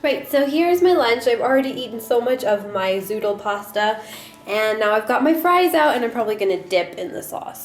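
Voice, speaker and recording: A young woman vlogging casually about her food, chatty and rambling, with the hiccups. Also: fairly high pitch.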